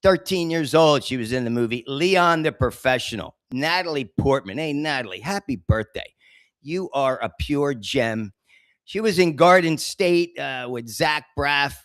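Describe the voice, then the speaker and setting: A man's voice: a little high, animated, measured pace, a bit bright, no echo, clean studio sound. A man, hosting a podcast and telling a rambling, streetwise story in a casual monologue. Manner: chatty, rambling, streetwise with frequent asides. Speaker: podcast host.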